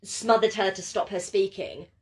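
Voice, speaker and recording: A woman co-hosting a true-crime podcast in a casual way. She picks apart accounts with pointed, indignant questions, in a voice of ordinary pitch. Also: fairly even intonation, normal speed, darkish tone. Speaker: podcast co-host.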